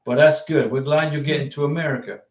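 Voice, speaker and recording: A man with a somewhat high voice hosts a casual livestream Q&A, reading out viewer questions and answering in a loose, rambling way. The sound is echoey, like a bare room at home. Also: fast. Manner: chatty, rambling, reads viewer questions aloud. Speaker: livestream host giving immigration advice.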